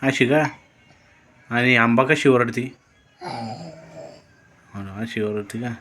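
A man talks to a toddler at home in a playful, coaxing way, asking the same question again and again. His voice sits at an ordinary pitch for a man. A faint hiss runs under the recording. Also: slow, fairly bright tone. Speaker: parent filming a toddler. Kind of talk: playful home video chat with a child.

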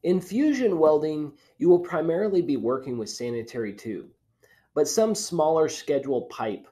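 A man in his thirties presenting a technical slide talk over a webcam, explaining in a lively way and trailing off at line ends. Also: fairly high pitch, moderate pace. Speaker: presenter for an equipment company. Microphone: webcam video call.

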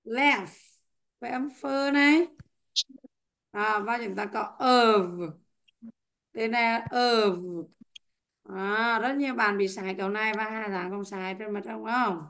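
Slow, patient woman teacher on a call. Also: mid-range voice, steady tone, a bit bright. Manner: slow, patient, drills pronunciation word by word. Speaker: English teacher. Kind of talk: online class teaching. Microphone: headset or computer mic on a video call.

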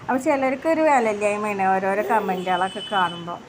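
A woman's voice: medium pitch, animated, quick pace. Weary woman vlogging over traffic noise. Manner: tired, plaintive, chatty. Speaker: vlogger who runs a small tea shop. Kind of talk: casual vlog talk to subscribers. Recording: noisy background with traffic.

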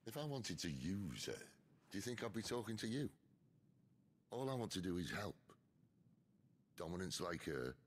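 An actor playing a gruff, wry middle-aged rebel leader in a video game, with a raspy voice and a dry, measured, knowing delivery. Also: male voice, lowish voice, full character voice.

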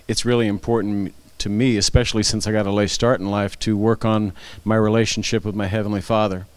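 A man on a church stage panel, sharing his testimony in a thoughtful, measured way with frequent uhs, into a handheld mic. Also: lowish voice, level tone, clean tone, no room sound. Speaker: panel guest. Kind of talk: personal testimony.

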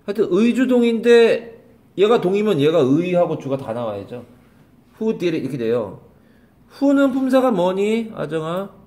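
Lively, high-voiced man teaching a class. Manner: quizzes students by name, scolds and repeats questions. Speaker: English teacher. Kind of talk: classroom grammar lesson. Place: small classroom.

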